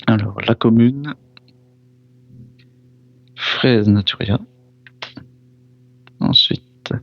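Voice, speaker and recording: This card pack opener has a lowish, gravelly voice, captured in lo-fi sound with no echo. He goes through the cards one by one, saying each name and pausing to react, and apologizes for getting foreign names wrong.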